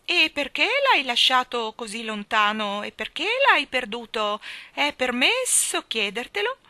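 A woman's voice: fairly high pitch, sing-song, unhurried, bright, forceful tone, no room sound, voice pushed up, heavily acted. Woman voicing Jane, an earnest little girl. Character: young girl, earnest and pleading.

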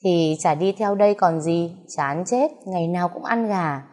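A woman's voice: on the low side, moderate pace, a little mellow, close to an everyday voice. A woman voicing a blunt, impatient snake spirit who grumbles and snaps at others. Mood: grumbling. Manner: snappy, grumbling.

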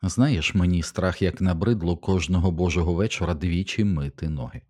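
A man's voice: low-pitched, moderate pace, dark tone. A man voicing a bold young girl with a bloodthirsty streak in an audiobook reading, blunt and eager.

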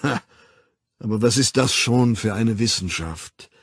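A composed male ruler speaks in measured, ironic lecturing phrases, played by an audiobook reader. The voice is gravelly and a bit husky, with lively melody and a dry, close sound. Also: lowish voice, dry recording, exaggerated voice. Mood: calm superior. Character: calm worldly male ruler, dry and superior.

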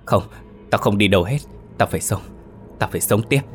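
A desperate, haunted young woman pleads and begs in an audio horror story, voiced by a man reading. Her lines come in a low, deep register over a faint music bed. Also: brisk, lightly acted. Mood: terrified. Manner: desperate, begging.

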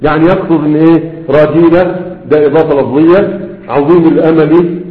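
Man, grammar lecture, rhetorical questions, quick delivery, slightly high voice, echoey hall, tinny lo-fi recording. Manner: explains with repeated rhetorical questions to students. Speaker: grammar teacher. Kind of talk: classroom lecture. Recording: echoey hall, phone-like lo-fi sound.

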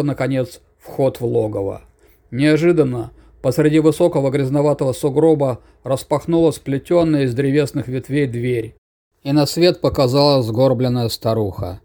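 A man reading a fantasy story aloud as an audiobook narrator, steady and measured. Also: medium pitch.

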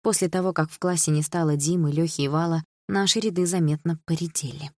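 A woman reading a first-person audiobook narration in an even, subdued manner. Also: deep voice, quick pace, dry recording, clean studio sound. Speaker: audiobook reader.

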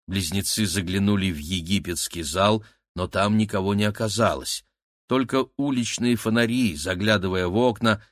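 Low-voiced man narrating an audiobook. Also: no echo, clean studio sound. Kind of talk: scripted narration.

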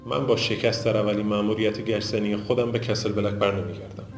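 A man voicing an arrogant young highborn knight who gives orders in a haughty tone, read with music behind. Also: level tone, lightly acted. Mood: commanding. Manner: haughty, commanding. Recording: roomy with background music.

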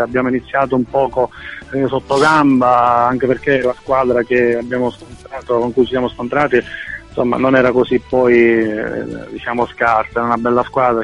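A man talks over a phone line to a radio show in a flat, level voice with little rise and fall. He speaks in a plain, matter-of-fact way and fills his talk with hesitations. Faint music plays behind him. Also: medium pitch. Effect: heard over a phone line. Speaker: caller, head of a local football team. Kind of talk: casual call-in chat on a sports radio show.

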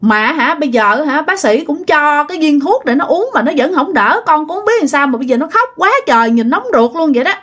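A woman's voice: high-pitched, lively intonation, brisk, hardly any pauses, a bit bright, voice pushed up. Anxious, rambling mother, played by a woman narrator. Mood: worried. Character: worried mother.

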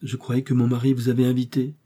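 A man voicing a proud, irritable young society wife who speaks in a curt, sharp way. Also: mid-range voice, monotone, quick pace, husky, close to an everyday voice.

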